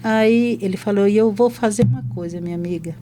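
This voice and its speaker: Older woman, chaplain; warm, mellow voice; lively storyteller who acts out the dialogue. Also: mid-range voice, brisk, soft background music. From Brazil. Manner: lively retelling that acts out both sides of conversations. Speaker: hospital chaplain. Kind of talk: podcast testimony storytelling.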